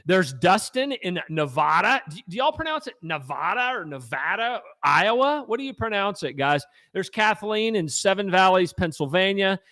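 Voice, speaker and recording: A man's voice: high-pitched, a bit bright. A man hosting a fiery advocacy livestream, combative and rallying. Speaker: gun rights advocacy host.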